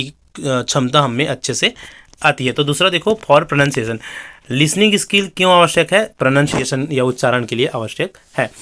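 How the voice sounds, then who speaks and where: A man is giving an exam-prep lecture, explaining things in Hindi while slowly reading out English definitions. He checks in with listeners often and uses plenty of fillers. His voice is fairly high and a little bright.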